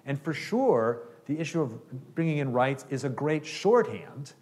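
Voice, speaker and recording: A man's voice: mid-range voice, expressive, unhurried, darkish tone. Man answering questions in a lecture. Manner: explanatory, uses "okay?" often.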